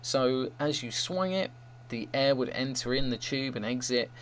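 A man presents an informal fan report as the show's host. His voice is mid-pitched for a man. A faint hum and some light noise sit in the recording. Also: expressive, normal speed, fairly bright tone.

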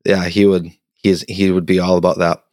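A podcast host with a Boston accent conducts a casual interview over a video call, chatty and self-deprecating. His voice sits low with a level, darkish tone at normal speed, and the sound is studio quality with no echo.

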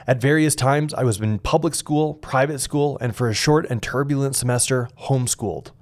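A man in his thirties narrates a scripted personal essay. He speaks at a middle pitch with a reflective, measured delivery. His tone stays thoughtful and even.

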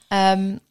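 A woman's voice: medium pitch, a little mellow. A woman, co-hosting a podcast in a chatty, practical way. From Oxfordshire, England. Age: 50s. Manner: chatty, practical, finishes his sentences. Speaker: podcast co-host. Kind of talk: casual chat.

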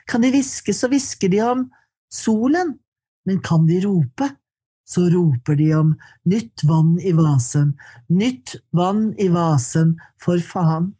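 A woman reading her poetry aloud in slow, measured lines, then answering questions in conversation. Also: medium pitch, warm tone, husky. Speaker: poet and guest.

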